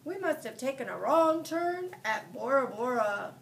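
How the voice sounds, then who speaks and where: A woman's voice: animated, measured pace, creaky, heavily acted. A woman reading a storybook aloud, voicing a blustering male pirate captain who bellows his lines. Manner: bellowing, booming exclamations. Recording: distant mic, faint background noise.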